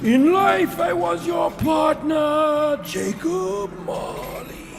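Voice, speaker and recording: A man acting a tormented, stern ghost of a dead businessman in a live radio drama, with theatrical, drawn-out, wailing delivery. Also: extremely high pitch, lively intonation, vocal fry, music in the background, full character voice. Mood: eerie, challenging.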